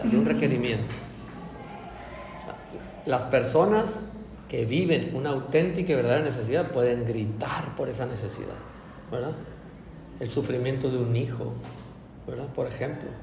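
Male preacher, sermon, fairly high voice, emphatic swings from loud to low, long hall reverb, faint ambience. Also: slight background noise. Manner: emphatic, rising to loud declarations then dropping low; frequent tag questions to the congregation.

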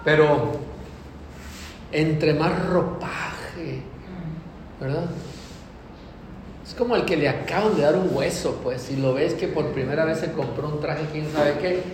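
A man preaching a sermon, animated, acting out little examples in other voices. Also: a little high, slow, pauses often, noisy background. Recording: echoey hall with faint ambience.

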